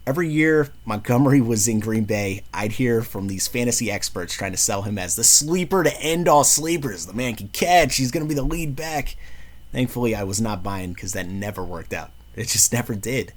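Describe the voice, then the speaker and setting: A man with a New York accent hosting a casual sports show, talking football in a slangy, lively way. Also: medium pitch, moderate pace. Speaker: host.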